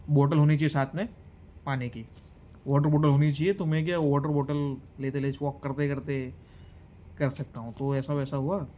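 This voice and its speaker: A young man from Gujarat telling a travel story in a casual vlog, animated, switching between Hindi and English. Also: a little high, normal speed. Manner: animated, mixes Hindi and English, mimics others. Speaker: vlogger.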